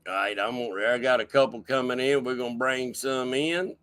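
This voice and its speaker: A man's voice: medium pitch, steady tone, fairly quick, fairly bright tone, clean tone, no echo. A man hosting a casual livestream chat show, folksy and rambling as he welcomes people in. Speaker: show host.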